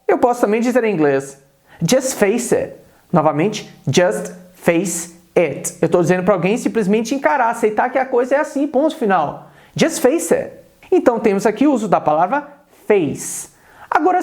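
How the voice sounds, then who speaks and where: Um jovem brasileiro, professor de inglês, dá uma aula em vídeo sobre pronúncia inglesa com sotaque brasileiro. Sua voz masculina é aguda e um pouco suave. Ele repete cada palavra de exemplo de forma lenta e deliberada.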